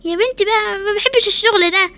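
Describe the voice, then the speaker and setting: A woman playing a blunt, work-shy girlfriend in a game role-play, frank and teasing, with an Egyptian Arabic accent. The voice is very high and talks fast. The sound is close and dry. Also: sharp tone, no room sound, heavily acted. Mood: lazy. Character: blunt girl friend and reluctant helper.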